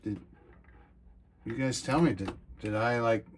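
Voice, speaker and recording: A middle-aged man talks through his bench repairs in a relaxed, drawn-out pace, muttering fillers as he works. He gets openly excited when a test passes and worried when something breaks. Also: mid-range voice, slight background noise. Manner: excitable, thinking aloud with many fillers. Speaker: retro computer repair vlogger. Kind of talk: casual hands-on repair commentary.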